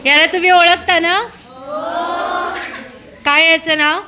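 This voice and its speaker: A woman's voice: very high-pitched, flat delivery, slow pace, heavy background noise. A woman questioning a class of schoolchildren in a school room, prodding them with repeated, coaxing questions.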